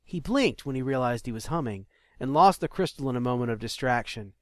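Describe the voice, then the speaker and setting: A man reading an audiobook chapter in a steady, measured storytelling manner. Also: medium pitch, no room sound, clean studio sound. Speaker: narrator. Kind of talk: scripted audiobook narration.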